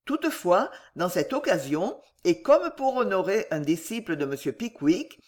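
A woman narrating a classic novel as an audiobook, in a measured, expressive storytelling voice. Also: lowish voice. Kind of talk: scripted literary narration.

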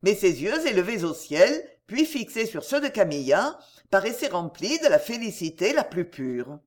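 A woman narrating a classic novel aloud in an expressive, measured reading. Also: mid-range voice. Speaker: audiobook narrator.

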